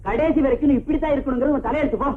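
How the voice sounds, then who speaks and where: A scolding police officer. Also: male voice, very high voice, very fast. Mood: mocking. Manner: gruff, mocking. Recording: tinny lo-fi old film soundtrack.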